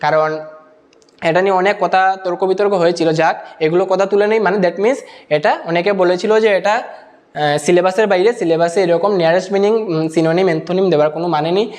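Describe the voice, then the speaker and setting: A man working through exam answers, reading each English question out slowly and then explaining it in Bengali mixed with English terms. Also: sits high, steady tone, a little mellow. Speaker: exam-prep teacher.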